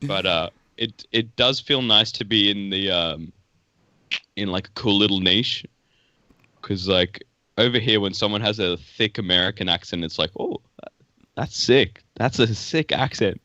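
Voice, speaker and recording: An Australian man with a bright, forceful voice talks as a guest in a loose interview. He laughs easily and swears casually. The sound is close and dry. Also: lowish voice, moderate pace, no room sound, dull audio. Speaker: guest musician.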